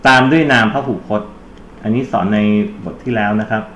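A man's voice: on the low side, fairly quick, a bit bright, slight background noise. A man teaching an English grammar lesson for exam preparation, explaining step by step and quizzing his students with prompts. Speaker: English tutor.

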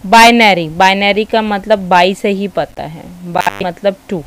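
A woman with an Indian accent teaching a school science class, mixing Hindi and English, dictating notes slowly and reminding students to listen carefully. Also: medium pitch, fairly bright tone, rough recording. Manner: slow, dictating notes word by word, switching between Hindi and English.

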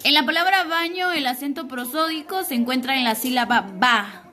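Bright, high-voiced woman teacher. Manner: patient, slow and clear, asking the class questions. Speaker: primary school teacher. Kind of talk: recorded classroom lesson for children.

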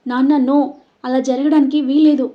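A woman's voice: sits high, little pitch movement, brisk, muffled recording, lightly acted. A woman voicing a frightened young man who pleads in pain for his sister's sake. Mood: anguished. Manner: pained, pleading.

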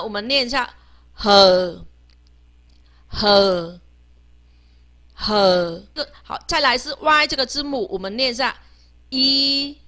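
A woman with a fairly high, bright, forward voice leads a beginner language lesson. She works patiently, sounding out each letter slowly, three times over. She tags her phrases with a soft "ha". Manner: ends phrases with a soft "ha" tag. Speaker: Vietnamese language teacher.

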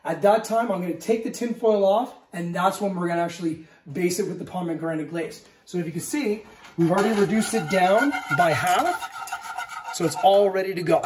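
A middle-aged man with a fairly high voice talks viewers through a recipe in a relaxed, step-by-step way. He is recorded in an echoey home kitchen. The camera mic sits some distance away from him. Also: a little hiss or hum. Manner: easygoing step-by-step instructions, often checks in with okay. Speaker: home cooking show host. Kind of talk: casual cooking demonstration.

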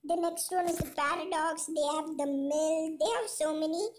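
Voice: fairly even intonation, normal speed. A gaming channel host talking through a puzzle game in a chipmunk voice effect, chatty and often asking "okay?". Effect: chipmunk voice, sped-up high-pitched filter. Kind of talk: casual let's-play commentary.

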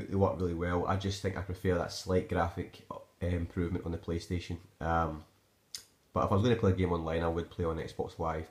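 This amateur gadget reviewer has a deep voice and a Scottish accent, and the echoey room colors his sound. Recording on a handheld phone in his living room at home, he rambles hesitantly through a casual review with no script.

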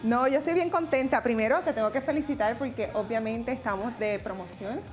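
A woman's voice: on the high side, brisk. A woman, a TV host interviewing a guest in an effusive, enthusiastic way. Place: TV studio set.

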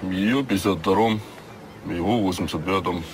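A man's voice: sits low, fairly quick, lightly acted. A man playing a laconic underworld tough in a film, speaking matter-of-factly. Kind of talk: naturalistic film dialogue. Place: outdoors in an open square. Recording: noisy outdoor film sound.

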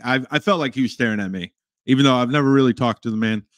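An excitable man co-hosts a sports podcast and often stammers as he restarts his thoughts. His voice is mid-pitched and sounds dry and close to the mic. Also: quick pace, no echo. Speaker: podcast co-host. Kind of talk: casual sports podcast chat.

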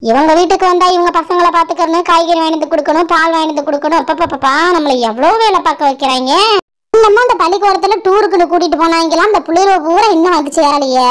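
A woman plays a bossy village grandmother in a doll show, complaining and scolding nonstop. The voice sits very high and shrill. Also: fast talker. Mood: weary.

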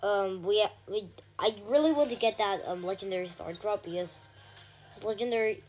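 A woman giving casual gameplay commentary, chatty with frequent ums and sudden excited shouts. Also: mid-range voice, moderate pace. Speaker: gaming channel host.

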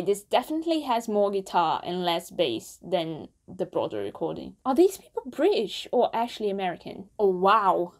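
Playful young woman vlogging reactions. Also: a little high. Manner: playful, self-mocking, quick asides and laughs. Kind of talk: casual reaction commentary.

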